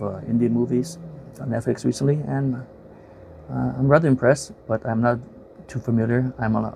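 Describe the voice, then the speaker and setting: Guy rambling through a movie review, lots of uhs, gravelly warm voice, kinda frank about it. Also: mid-range voice, slight background noise. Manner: rambling, full of uhs and self-corrections; frank, opinionated. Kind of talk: casual spoken movie review.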